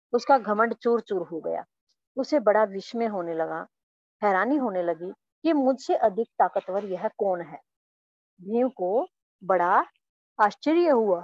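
A woman's voice: medium pitch, a little mellow, no room sound. A woman teacher reads a story lesson and explains it in plainer words as she goes. Her voice sits in the middle range. The sound is dull and dry, with a closed-in feel. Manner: reads each passage, then retells it in plainer words. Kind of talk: reading and retelling a textbook story.

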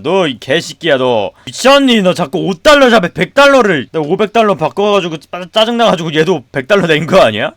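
A man commentating his own game play, loudly mock-scolding the customers, then muttering to himself. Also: fairly high pitch, no echo. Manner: excitable, swings from loud outbursts to muttering. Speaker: gaming streamer.

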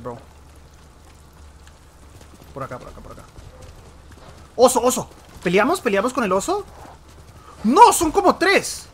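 A man with a Colombian accent doing let's play commentary, excitable and switching between Spanish and English, yelling at the game. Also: high-pitched, slight background noise. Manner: yells at the game. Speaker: gamer.

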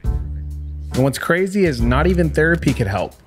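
A man's voice: on the high side, sing-song, moderate pace. Wry young man narrating over guitar. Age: 20s. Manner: wry, confiding tone. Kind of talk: reflective voiceover narration.

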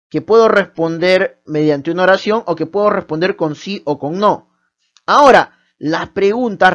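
A woman teaching a recorded grammar lesson, explaining step by step and asking the listener questions as she goes. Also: medium pitch. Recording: slightly dull lo-fi audio.

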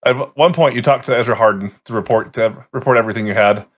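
Over a voice call, a man acting as game master for a tabletop game casually recaps the last session, often correcting himself. His voice is mid-range and fast.

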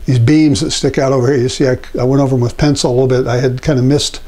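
An older man giving a relaxed, rambling painting demonstration at his easel, with many fillers, recorded on a lapel mic in a home studio. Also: mid-range voice, fast talker, a little hiss or hum. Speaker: painting instructor.

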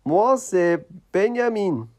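A childish male toy elephant, as a man puts him on, nags and repeats himself in a raised, bouncy voice. He speaks very slowly and clearly, as in puppet play for beginners, whiny and insistent. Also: high voice, lively intonation, a little mellow, voice pushed up. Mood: pleading. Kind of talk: slow puppet play for learners.

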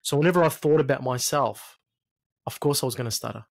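Creaky and mid-range, the voice belongs to a man in his late thirties from Egypt and Australia who tells personal stories as a podcast guest. He speaks reflectively and haltingly, circling back to the same phrases. The recording comes from a small home studio indoors, with a close podcast mic on an arm.

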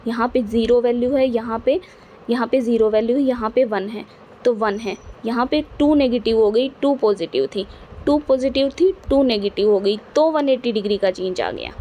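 A woman with a voice on the high side and a dark tone teaches a physics lesson at a moderate pace, lecturing in a classroom-style way. She patiently repeats points and often checks that students are following.

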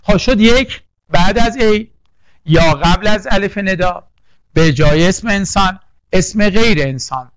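A man's voice: sits high, dry recording. A man teaching a poetry lesson for exam prep, drilling lists and quizzing the class with questions. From Iran. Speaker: literature teacher.

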